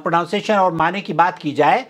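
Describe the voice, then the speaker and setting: Male preacher, high-pitched, earnest explanatory lecture delivery. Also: fairly bright tone. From South Asia. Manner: earnest explanatory tone, addresses "brothers and sisters". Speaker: Islamic preacher. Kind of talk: religious lecture in Urdu.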